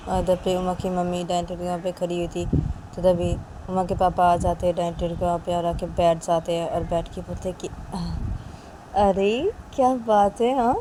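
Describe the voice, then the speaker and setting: A woman's voice: lowish voice, dark tone. A woman telling a story casually and conversationally, narrating episode events. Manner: conversational, repetitive. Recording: noisy, traffic noise behind.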